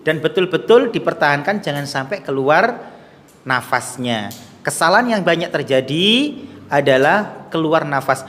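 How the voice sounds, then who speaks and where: A man teaching Quran recitation to children, demonstrating each letter sound slowly and repeating drills. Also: fairly high pitch, animated, fairly bright tone, in a large hall.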